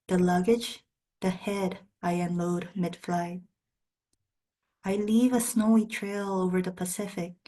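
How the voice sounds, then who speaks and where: Reading poetry with short spoken introductions, this woman, a native speaker of both Spanish and Korean, keeps her phrases brief, measured and deliberate. Her voice sits lowish and sounds a little mellow.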